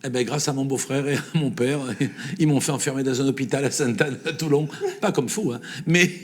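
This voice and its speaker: A man with a southern French accent, a singer, telling lively anecdotes in an interview and laughing often. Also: medium pitch, fairly quick. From south of France. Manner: lively storyteller, laughs often, acts out dialogue. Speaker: singer guest. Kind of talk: storytelling interview.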